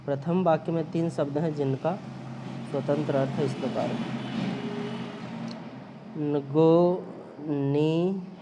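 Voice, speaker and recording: In this recorded linguistics lecture, a man with a mellow mid-range voice explains grammar one step at a time, restating his points as he goes. The phone or screen recorder audio carries a little hiss or hum.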